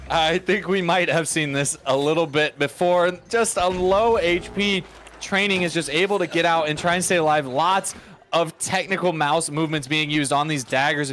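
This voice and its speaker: A man with a slightly higher voice commentates a video game match. He is casual and playful, rambling through jokes as he banters like a co-caster. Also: fairly bright tone, slight background noise.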